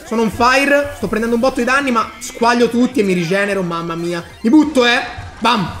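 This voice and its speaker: A man giving excitable live commentary over his own gameplay, breaking into bursts of hype and talking straight to his viewers. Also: very high voice, fairly quick, faint music behind. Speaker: gaming YouTuber.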